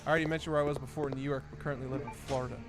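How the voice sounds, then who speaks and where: A man's voice: medium pitch, fairly even intonation, rapid-fire. A man in his twenties from New Jersey, co-hosting a live stream and reading viewer comments aloud with jokes and laughs. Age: 20s. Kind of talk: casual live-stream chat. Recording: game music loud under voice. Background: video game music.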